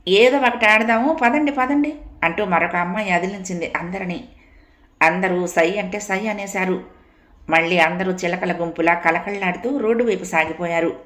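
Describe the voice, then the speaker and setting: A woman narrating a story in a steady, expressive reading. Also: fairly low pitch. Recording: echoey room.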